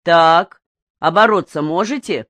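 A woman's voice: on the low side, a little slow, a bit bright, dry recording. A woman doing a drawling, curt foreman. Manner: drawls words out. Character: adult man, work crew foreman, drawling and curt.

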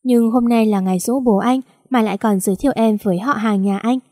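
A woman reading the story voices a wounded young woman in an audio drama. She speaks coldly and defiantly, in a fairly high, mellow tone. The sound is dry and close. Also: brisk, dry recording, natural voice. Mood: shy. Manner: cold, defiant outbursts.

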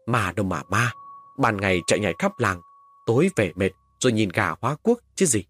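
A man voicing a gruff, anxious village father who speaks curtly and in grave, hushed tones, in a spoken horror story. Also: lowish voice, very animated, moderate pace. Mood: scolding.

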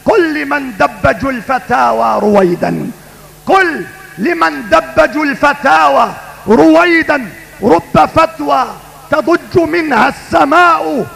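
A man preaching a fiery sermon in a booming, epic, emphatic oratorical style, declaiming lines like heroic poetry. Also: creaky, fairly bright tone. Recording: long hall reverb.

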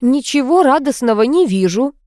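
A woman's voice: high-pitched, lively intonation, moderate pace, mellow, no echo, clean studio sound, pitched above the performer's own voice. A woman voicing a sullen, skeptical woman who mutters. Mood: grumbling. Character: sullen woman, grumbling and doubtful.

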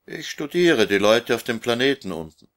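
A man voicing a calm, wise old man in a storybook reading, speaking tersely. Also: medium pitch, moderate pace, voice pushed up.

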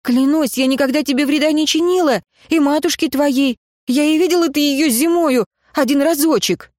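A woman voicing a frightened young woman pleading for her life, high and breathless, in an audiobook. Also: moderate pace, a little mellow, dry recording, studio quality, natural voice.

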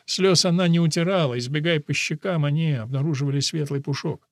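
A man's voice: fairly high pitch, a little fast, no echo. Male audiobook narrator, dry studio sound. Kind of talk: scripted narration.

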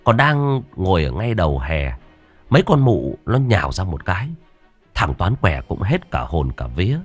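A man narrating a ghost story in a dramatic, expressive way, voicing every character himself. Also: low voice, moderate pace, husky. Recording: dry voice over faint music. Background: faint background music.

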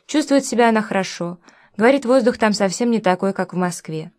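A woman's voice: medium pitch, animated, a little fast, a little mellow, lightly acted. A woman reading the lines of an easygoing grown man who talks in a chatty, conversational way, in an audiobook. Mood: reassuring. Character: easygoing adult man, chatty and a bit defensive.

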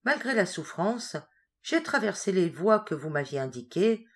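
A woman's voice: mid-range voice, sing-song, moderate pace, lightly acted. A woman voicing a young wounded boy who earnestly tells of his brave deeds in a storybook reading.

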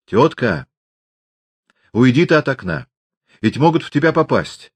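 A man's voice: lowish voice, big pitch swings, moderate pace, husky, no echo. A man reading an audiobook and voicing a passionate, impatient young peasant woman who speaks urgently and sharply. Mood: pleading.

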